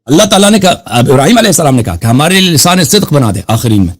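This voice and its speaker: A man hosting a live call-in show, arguing hotly with a caller, cutting him off and reciting Arabic scripture slowly. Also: on the high side, very animated. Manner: combative, keeps cutting the caller off. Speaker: host. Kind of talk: heated live call-in debate.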